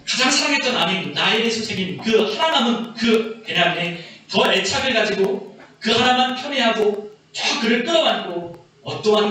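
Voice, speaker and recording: A man preaching an earnest sermon, his voice sitting high for a man. The sound is distant, washed in heavy church reverb with a faint hum of the room behind it. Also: sharp tone. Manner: earnest preaching, voice rising and falling with emphasis. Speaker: pastor. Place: church sanctuary. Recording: echoey church hall from far off.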